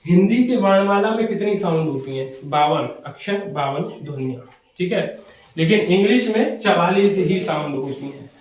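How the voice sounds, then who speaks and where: Male English teacher, high voice, lecturing and quizzing the class, distant camera mic in a very echoey hall. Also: lively intonation, moderate pace, darkish tone. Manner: explains step by step, asks and answers his own questions. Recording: very echoey room, voice from afar.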